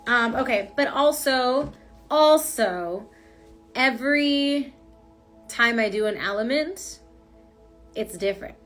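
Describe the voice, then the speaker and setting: A tarot reader gives a casual, rambling reading, chatty and packed with fillers. Her medium-pitched voice is a bit bright and stuffy from a cold.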